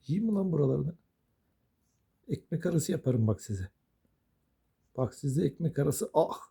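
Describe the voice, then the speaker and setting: A man's voice: a little high, animated, measured pace, vocal fry, dark tone, breathy edge. A man talking affectionately to his pet budgies in casual, coaxing baby talk. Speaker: budgie owner.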